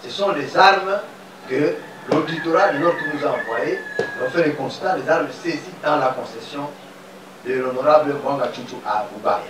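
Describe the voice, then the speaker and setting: A slightly high-voiced man explains things in an official way. He is heard from a distance in a room with heavy echo. Clear noise runs behind him. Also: normal speed.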